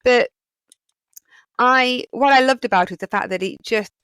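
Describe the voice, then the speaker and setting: A woman's voice: a little high, moderate pace, a bit bright, clear, resonant tone, no echo. A woman with a Yorkshire accent hosting a solo podcast, talking in a chatty, rambling way with many fillers. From England. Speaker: podcast host.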